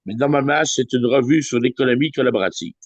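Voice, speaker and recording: A man hosting a weekly video call, halting with many restarts. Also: medium pitch, no echo, highs cut off. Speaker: host of a weekly Zoom meeting. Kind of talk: informal presentation on a video call.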